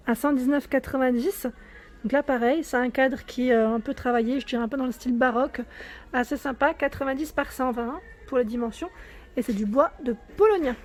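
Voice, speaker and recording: A woman with a high voice and a southern French accent talks casually and enthusiastically as she films a furniture store tour indoors. She peppers her speech with "euh" and "hein". Her sound is that of a handheld phone recording in a shop. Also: dark tone. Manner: chatty, enthusiastic, many fillers and "hein". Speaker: home decor vlogger. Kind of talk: casual store walkthrough vlog.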